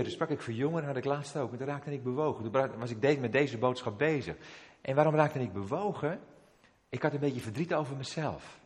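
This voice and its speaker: A middle-aged man preaching a sermon, telling a personal story emotionally with frequent restarts and asides. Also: mid-range voice. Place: church. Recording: long reverb of a church hall.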